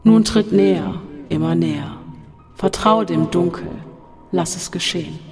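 A narrator voicing a sinister male voice that taunts from a dark shaft in an audiobook, over faint music in a long reverb. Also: mid-range voice, unhurried, vocal fry. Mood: coaxing. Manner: mocking, then coaxing and seductive.

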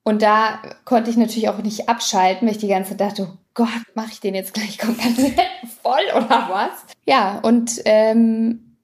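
A woman's voice: on the high side, steady tone, unhurried. A woman in her late thirties co-hosting a podcast, talking frankly and with self-deprecating humor. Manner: candid, self-deprecating, laughs often. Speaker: podcast co-host. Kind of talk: frank casual conversation.

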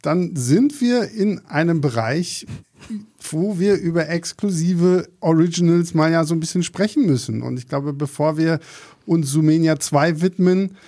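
A man's voice: a little high, measured pace, mellow. A middle-aged man, hosting a film podcast in casual conversation.

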